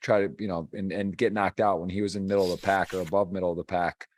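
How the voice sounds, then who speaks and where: A man's voice: deep voice, flat delivery, fast talker, a little mellow, a little hiss or hum. A man giving conversational live poker tournament commentary as the host of a stream.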